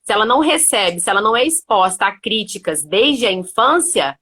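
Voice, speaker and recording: A woman's voice: medium pitch, lively intonation, a little fast, fairly bright tone, husky. A woman hosting a casual chat on parenting, explaining her points in a thoughtful way and often checking in with "né?". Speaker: host.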